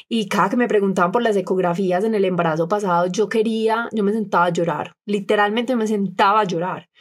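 Earnest young woman. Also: medium pitch. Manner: earnest, animated quoting of others. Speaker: podcast co-host. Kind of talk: candid personal talk.

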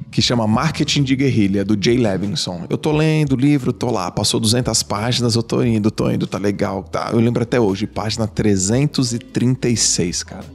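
A man's voice: mid-range voice, darkish tone. A Brazilian man with a Brazilian Portuguese accent, a podcast guest telling stories in casual chat and acting out the dialogue. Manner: storyteller who acts out quoted dialogue.

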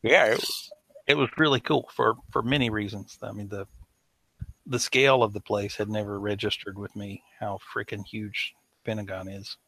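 A man's voice: on the low side, fairly even intonation, moderate pace, gravelly, sharp tone, no echo, low-quality recording. A man with a Southern US accent, talking in a laid-back way as a podcast co-host in a casual chat.

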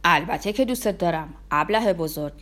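A woman reading a storybook, voicing a gentle older man who speaks tenderly and reassuringly in a lowered voice. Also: animated.

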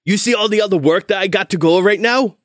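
A man doing a shouting, harried blacksmith foreman. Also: fairly high pitch, drawn-out words, creaky, slightly rough, voice pushed up, exaggerated voice. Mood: impatient, yelling. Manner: shouting, swearing, impatient. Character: harried gruff male blacksmith foreman barking orders.

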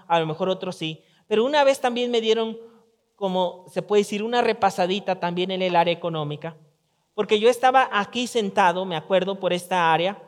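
High-voiced man preaching in a church hall. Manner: conversational preaching with acted-out quotes. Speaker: pastor. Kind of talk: sermon.

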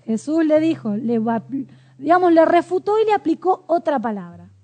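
A woman's voice: sits high, very animated, normal speed, warm tone. A woman preaching a sermon in a conversational way, with rhetorical questions and light laughter.

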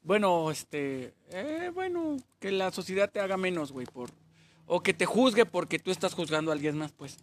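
A man's voice: high voice, sing-song, normal speed, slight background noise. A man with a Mexican accent in casual chat, joking and bantering crudely.

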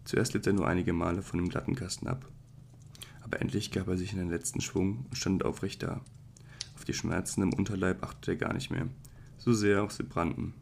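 A man narrates a classic novel as an audiobook. His voice is very low and monotone, with heavy vocal fry. A faint background hiss runs under the measured reading. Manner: measured, even reading with occasional slips. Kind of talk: calm literary audiobook narration.

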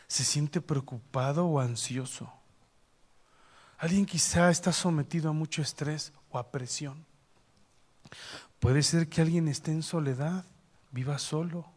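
Male pastor, high voice, unhurried lively sermon with jokes. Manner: lively, joking, asks the congregation questions.

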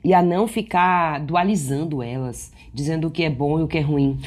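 Earnest woman, low voice. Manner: earnest, reflective, unhurried with soft asides. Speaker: emotional wellness speaker. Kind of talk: reflective talk to camera.

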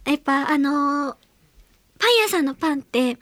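A woman's voice: sits high, animated, normal speed, a bit bright, no room sound. A young woman from Hiroshima hosting a solo radio segment, talking chattily and earnestly with many small fillers. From Hiroshima, Japan. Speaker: radio show host.

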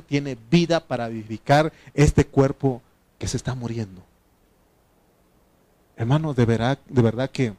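A man preaching a sermon to his congregation, talking about grief and resurrection, dropping to a soft, tearful tone and then rising to loud, fervent exhortation. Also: medium pitch, no room sound. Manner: emotional, swings from soft to loud.

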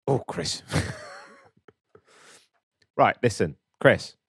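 A man's voice: fairly low pitch, animated, extremely slow, fairly bright tone, slightly rough, dry recording, clean studio sound. A man co-hosting a comedic chat, laughing often, stammering and repeating words as he plays dumb. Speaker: co-host.

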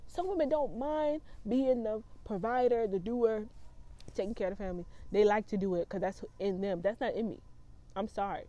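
A young woman in her twenties telling her own story to the camera in a vlog. She talks bluntly and emphatically, cursing freely, with a mellow, warm tone at an ordinary pitch. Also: normal speed. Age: 20s. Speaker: vlogger.

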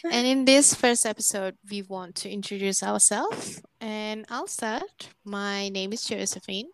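A woman in her early thirties co-hosts a casual podcast and tells her stories in an easygoing, chatty way. Her voice sits at a middle pitch and sounds dry and close, with no room around it. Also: a little slow, no room sound. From Indonesia. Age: early 30s. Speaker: podcast co-host.

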